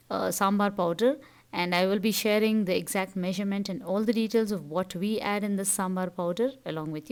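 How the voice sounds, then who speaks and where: A middle-aged woman from South India with a Tamil accent, casually narrating her cooking and chores step by step as a home vlogger. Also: mid-range voice. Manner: explanatory, step-by-step.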